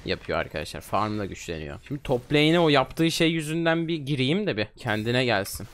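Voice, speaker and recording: A man in his twenties giving excitable, trash-talking commentary on his own gameplay. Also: medium pitch, a little fast, a little hiss or hum. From Turkey. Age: 20s. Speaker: gaming streamer.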